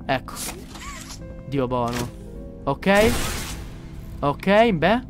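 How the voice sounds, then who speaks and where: A man's voice: mid-range voice, very animated, very slow, over music. Jumpy Roman man streaming a game. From Rome. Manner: jumpy, swears a lot, talks to viewers. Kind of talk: live gameplay commentary.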